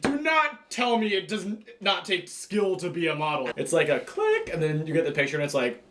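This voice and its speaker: A man's voice: high voice, wildly swooping pitch, brisk, a bit bright. A young man co-hosting a casual recap show, talking in a blunt, snarky, jokey way. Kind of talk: casual chat.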